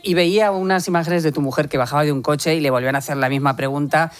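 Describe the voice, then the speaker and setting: A woman joining the chat as a co-host, chatty and quick to jump in with asides. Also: low voice. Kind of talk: casual chat.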